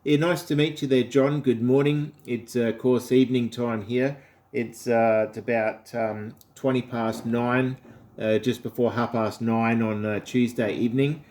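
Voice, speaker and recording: A man with an Australian accent makes casual ham radio conversation as an amateur operator, friendly and full of compliments. His medium-pitched voice is flat, unhurried, and a little mellow.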